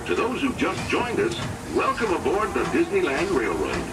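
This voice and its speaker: A ride announcer giving safety reminders and tour narration over a train's loudspeaker, heard from a passenger seat. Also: medium pitch, huge pitch swings, normal speed, distant mic, low-quality recording. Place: moving open-air theme park train.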